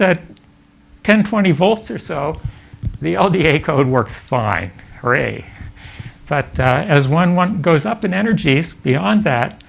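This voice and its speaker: An older man giving a physics lecture at a summer school, halting and full of fillers and restarts. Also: on the high side, vocal fry, fairly bright tone. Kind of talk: academic lecture. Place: lecture hall.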